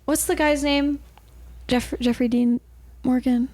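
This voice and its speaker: A woman's voice: sits high, measured pace. Chatty young woman podcast co-host. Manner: chatty, animated, lots of "like" fillers. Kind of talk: casual chat.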